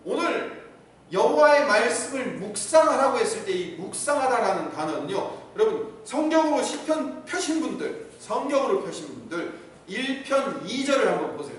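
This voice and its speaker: A middle-aged male pastor with a very high-pitched voice preaches in a church sanctuary, teaching and asking the congregation questions. His pitch swings widely at a moderate pace. The echoey hall is captured by a far-off mic.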